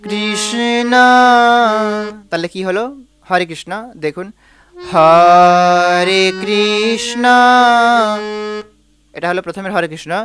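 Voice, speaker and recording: A man's voice: sits high, moderate pace, long pauses, over music. A man with a Bengali accent teaching a devotional song on the harmonium, explaining patiently and singing short sung phrases. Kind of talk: music lesson, explaining and singing examples.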